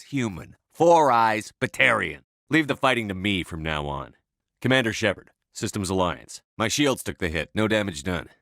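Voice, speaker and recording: Low-voiced Commander Shepard, resolute space marine. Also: male voice, a bit bright, no room sound, studio quality. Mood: stern, scolding, then firm, matter-of-fact. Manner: measured, authoritative, matter-of-fact. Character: resolute male human military commander in space opera. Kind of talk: video game voice acting.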